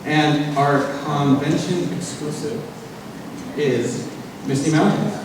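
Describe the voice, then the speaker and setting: With a fairly high voice, a man takes it slowly as he hosts a panel at a large convention hall. His casual presentation is loose and filler-heavy, recorded from a distance in an echoey, noisy space.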